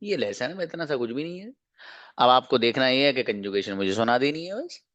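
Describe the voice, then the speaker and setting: A man teaching English grammar to a class, drilling example sentences slowly and checking understanding with quick questions. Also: medium pitch, expressive, a bit bright, no room sound, highs cut off.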